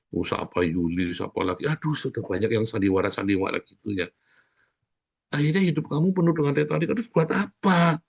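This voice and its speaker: A man's voice: fairly high pitch, gravelly, darkish tone, slightly rough. A middle-aged man preaching a sermon as pastor, exhorting the congregation directly and repeating his key phrases over and over.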